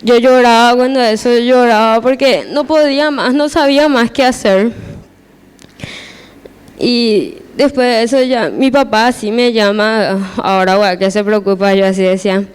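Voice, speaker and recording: A woman's voice: fairly high pitch, measured pace, clean tone. Hesitant teen girl giving testimony. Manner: hesitant, repeats words and restarts. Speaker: church member giving testimony. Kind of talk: personal testimony.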